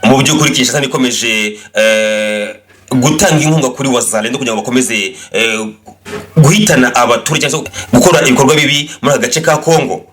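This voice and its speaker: Male interpreter-host, rapid steady delivery, relays every answer. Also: medium pitch, slight background noise. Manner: brisk, restates each answer in turn.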